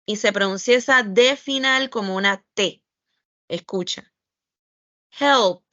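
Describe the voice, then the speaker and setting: Teacher, crisp and bright. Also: female voice, mid-range voice, dry recording, dull audio. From Puerto Rico. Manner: switches between English and Spanish, slow deliberate English, brisk Spanish explanations; checks in with "okay?" and "right?". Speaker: English teacher. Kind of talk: bilingual pronunciation lesson.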